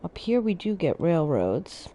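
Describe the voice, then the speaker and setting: Slow, mellow woman narrating gameplay. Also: fairly low pitch. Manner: relaxed, thinking aloud, unhurried. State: sleepy, yawning. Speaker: streamer playing a city-building game. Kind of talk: casual gameplay commentary.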